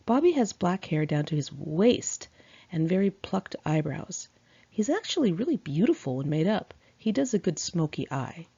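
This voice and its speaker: This author narrates her memoir in a dark, mellow voice with a gravelly low fry, sounding very animated at a moderate pace. Frank and sassy, she talks as if among friends, and the home recording comes across slightly dull.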